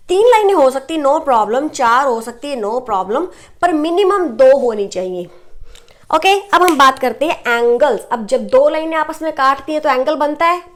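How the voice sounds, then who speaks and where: A young Indian woman teaches a maths lesson step by step in Hindi mixed with English terms, often checking in with "right?". Her voice is high.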